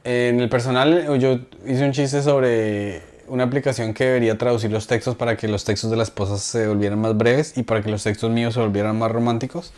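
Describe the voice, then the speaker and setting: A man's voice: medium pitch, steady tone, a little fast, hardly any pauses, a little mellow. A young man, co-hosting a comedy podcast in casual chat, joking and swearing freely.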